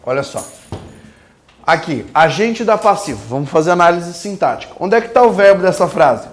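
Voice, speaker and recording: Guy teaching grammar, slightly high voice, punchy, slows right down to dictate. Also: expressive, a little hiss or hum. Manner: emphatic, dictates terms slowly word by word. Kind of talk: recorded classroom lecture.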